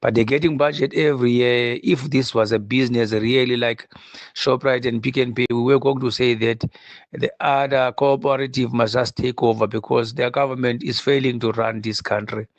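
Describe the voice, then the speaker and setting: A man's voice: mid-range voice, fairly even intonation, normal speed, no room sound. A man leaving a blunt, complaining voice message for a radio call-in show, played back on air. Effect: played back as a recorded voice message. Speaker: caller.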